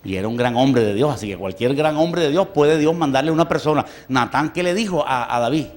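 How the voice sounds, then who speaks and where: A male pastor preaching a sermon, emphatic, swinging from loud exclamations to hushed asides and often breaking into praise. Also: mid-range voice, animated, fairly quick.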